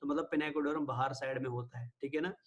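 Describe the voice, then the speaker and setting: A man with an Indian accent giving a biology lecture, who keeps asking his students questions, answers them himself and slows down on English definitions. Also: medium pitch, fairly even intonation. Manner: mixes Hindi with English terms, slows on definitions. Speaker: biology teacher. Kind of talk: classroom lecture.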